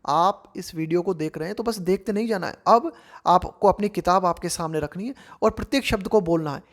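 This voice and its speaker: A woman, an English teacher explaining a vocabulary book in Hindi, reading each English line slowly and then speaking to her learners directly. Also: on the low side. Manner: conversational, addresses learners directly.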